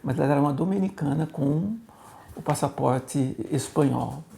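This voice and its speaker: A Brazilian-accented male pastor telling a story in an interview, animated and acting out the voices of the people in it. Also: fairly high pitch, moderate pace, gravelly. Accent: Brazilian Portuguese. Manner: animated, acts out quoted voices in his stories.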